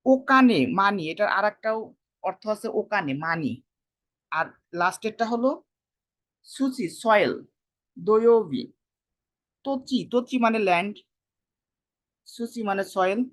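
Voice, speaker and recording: Teacher explaining Japanese words. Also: mid-range voice. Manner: explains slowly, repeats words, casual colloquial speech. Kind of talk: casual spoken lesson.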